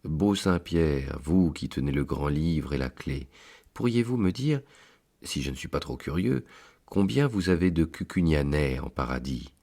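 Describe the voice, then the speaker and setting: A man's voice: very deep voice, animated, unhurried, warm tone, exaggerated voice. A man voicing an anxious village priest, pleading and exclaiming in dismay.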